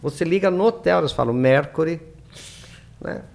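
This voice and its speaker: A man's voice: fairly high pitch, normal speed, creaky. A Brazilian man speaking Brazilian Portuguese as an interview guest, rambling and often ending with tag questions. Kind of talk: casual interview chat.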